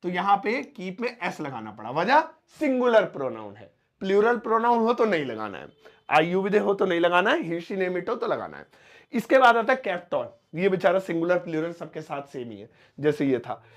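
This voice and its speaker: A man with a fairly high voice teaches an English grammar lesson. He explains slowly and patiently, repeating each word as he builds example sentences. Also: very animated.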